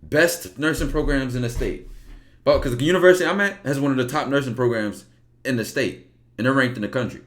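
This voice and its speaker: A man with a medium-pitched voice hosts a live stream at a brisk pace, taking calls from viewers. His casual chat is blunt and loose, full of swearing and rhetorical questions.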